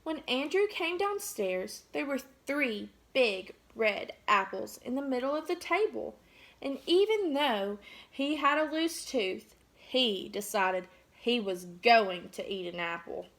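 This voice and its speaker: A woman's voice: a little high, animated, slow, gravelly. Woman teacher reading aloud to children. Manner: warm, questioning, child-directed. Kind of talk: picture-book read-aloud with questions.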